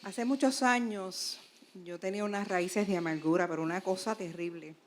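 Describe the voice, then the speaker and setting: A woman's voice: mid-range voice, moderate pace, a little hiss or hum. A woman with a Puerto Rican accent, a pastor, telling the class her personal testimony in an earnest, fervent way.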